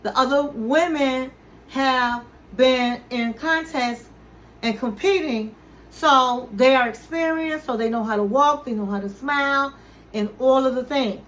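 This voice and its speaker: A woman's voice: high-pitched, unhurried, a bit bright, low-quality recording. A woman recapping a reality show in a chatty, storytelling way, acting out what each person said. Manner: chatty storytelling, acting out the people she quotes. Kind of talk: casual recap commentary.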